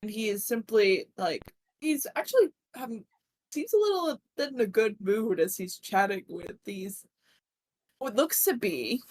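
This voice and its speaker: A woman's voice: medium pitch, a little mellow, low-quality recording. A woman narrating a tabletop game as game master, casual with frequent filler uhs.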